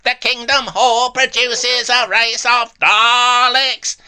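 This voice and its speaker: A man mocking a shrill robot alien chant. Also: flat delivery, slow, sharp tone, smooth, heavily acted. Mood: menacing. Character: robotic male alien cyborg, menacing chant.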